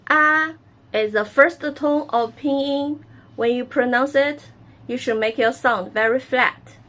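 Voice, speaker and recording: A woman with a Chinese accent teaching Mandarin tones, speaking slowly and carefully and drawing out each sound. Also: sits high, a bit bright. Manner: draws out the tones, slow and careful. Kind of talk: language lesson, slow demonstration.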